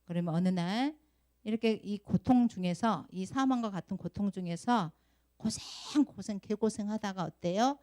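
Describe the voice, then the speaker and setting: Woman preaching lively to children. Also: medium pitch, moderate pace. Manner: lively and questioning, often asks the children questions; acts out crying sounds for the children. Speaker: Sunday school teacher preaching to children. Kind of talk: children's sermon.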